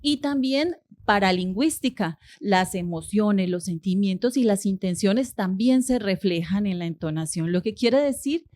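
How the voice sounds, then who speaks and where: A woman's voice: medium pitch, expressive, normal speed, hardly any pauses, a little mellow. A woman giving an academic linguistics lecture, explaining step by step with rhetorical questions and frequent hesitations.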